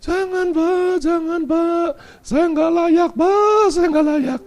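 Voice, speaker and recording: A man voicing a weeping, humbled male pastor who pleads in loud, high-pitched sobs. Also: takes it slowly. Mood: pleading. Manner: high-pitched sobbing pleas, loud cries.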